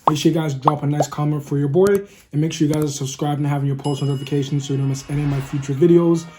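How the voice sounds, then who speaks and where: A man's voice: a little high, level tone, rapid-fire, over music. A man hosting a casual cooking vlog, upbeat and chatty, tasting food while he talks to viewers. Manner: upbeat, keeps calling viewers "guys"; talks while eating, savoring sounds. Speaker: food vlogger.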